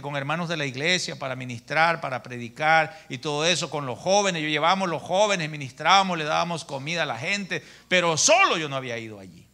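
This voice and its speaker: A middle-aged pastor preaching to his church in an animated, storytelling way, often turning to the congregation as brother. His voice sits somewhat high for a man and rings bright and forceful. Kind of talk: preaching a sermon.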